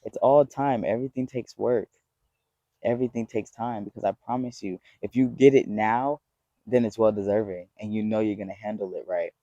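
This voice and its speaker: A man's voice: fairly low pitch, steady tone, normal speed, mellow, dry recording, muffled recording. A man in his twenties talking to camera in a rambling, earnest motivational way, swearing freely as he goes. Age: 20s. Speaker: vlogger. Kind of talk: casual motivational talk to camera.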